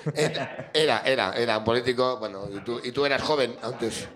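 A middle-aged man from Spain with a gravelly, raspy voice hosts a live comedy show, joking and rambling with guests and the crowd. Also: medium pitch, fairly quick, a bit bright. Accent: Spanish (Spain). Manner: jokey, rambling, self-mocking. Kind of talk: stand-up crowd work chat.

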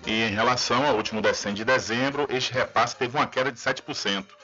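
A male radio news presenter with a bright, forceful voice. He reads a script over faint music, on slightly dull audio. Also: medium pitch, fairly even intonation, fairly quick.

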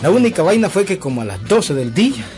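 A man telling a comic folk tale, his fairly high voice rising and falling in a lively way. He talks in a folksy manner, turning to the listener as a friend, with music behind him. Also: fast talker. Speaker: storyteller.

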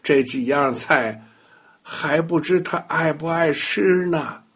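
A man's voice: fairly high pitch, slow, a bit bright, husky, full character voice. An older man voicing an elderly, slightly deaf grandmother who exclaims and mutters to herself. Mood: muttering. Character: old grandmother, a little deaf, fussing.

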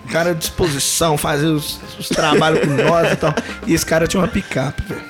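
A man's voice: on the high side, fast, soft background music. A man with a Belo Horizonte accent, a podcast guest telling a story with lots of laughing and acted-out dialogue. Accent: Belo Horizonte, Minas Gerais. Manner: animated, laughing storyteller who acts out dialogue. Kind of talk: casual podcast chat.

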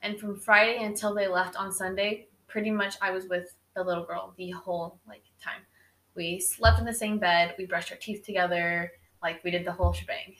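A young adult woman tells a story on her podcast in a casual, chatty way packed with fillers. Her medium-pitched, fairly bright voice has fairly even intonation at a moderate pace, recorded with roomy echo.

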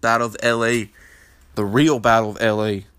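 A man's voice: mid-range voice, flat delivery, normal speed, a bit bright, smooth, dry recording. A man hosting a basketball news panel in casual commentary, with a congested morning voice from a sinus infection, rambling with many fillers. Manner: rambling, filler-heavy, opinionated.

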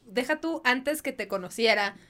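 A woman's voice: fairly high pitch, expressive, normal speed, sharp tone. A young woman, chatting casually on a podcast and laughing as she tells stories. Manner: laughing, candid storytelling. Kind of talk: casual chat.

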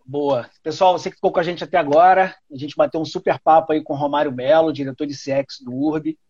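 Casual online show host: male, Brazilian Portuguese accent, informal, higher-than-average pitch, muffled lo-fi call sound. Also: steady tone, fast talker, a little mellow, husky, dry recording. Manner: informal, slangy, chatty. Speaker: host of an online product management talk show. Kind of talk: casual live interview hosting. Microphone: video call. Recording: dull, lo-fi online call audio.

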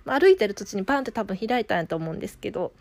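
A woman's voice: medium pitch, lively intonation, rapid-fire, creaky, no echo. A woman with a Kansai accent, a midwife casually telling her own birth story and acting out her inner thoughts. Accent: Kansai Japanese.

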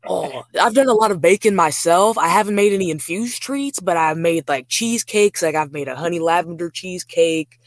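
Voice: medium pitch, brisk, few pauses, no echo, clean studio sound. A host chatting casually with a guest, rambling a bit and saying "like" often. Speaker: show host. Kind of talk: casual chat interview.

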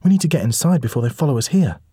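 A man's voice: on the high side, lively intonation, racing, warm tone, breathy edge, no echo, clean studio sound, pitched above the performer's own voice. A man doing a spirited young girl. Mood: urgent. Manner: breathless, indignant.

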